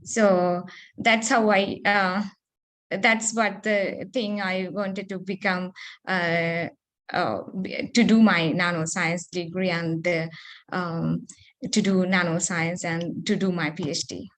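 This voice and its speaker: This guest speaker, a postdoc from Sri Lanka in her thirties, fields seminar questions over video in a lowish, slightly bright voice. She talks slowly with fairly even intonation, stumbling through many fillers and false starts.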